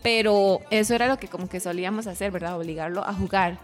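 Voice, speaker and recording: Fast-talking Costa Rican woman. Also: medium pitch, soft background music. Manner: animated storyteller, quick and chatty. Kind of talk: casual chat, telling childhood stories.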